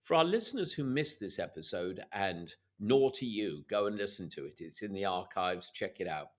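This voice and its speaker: A middle-aged man hosting a podcast interview, chatty and lively, with small jokes and asides. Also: deep voice, normal speed. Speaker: podcast host.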